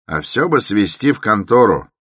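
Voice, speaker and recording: A man's voice: fairly low pitch, very animated, moderate pace, fairly bright tone, no echo, studio quality, voice pushed up. A man doing a nosy, pushy townsman. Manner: insistent, busybody egging on.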